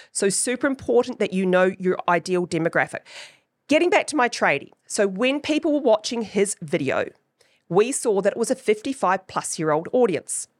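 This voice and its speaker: This is a podcast host with a New Zealand accent, speaking in a medium-pitched voice over a dry, studio-quality recording. She explains things in a chatty manner and keeps tossing in "right?"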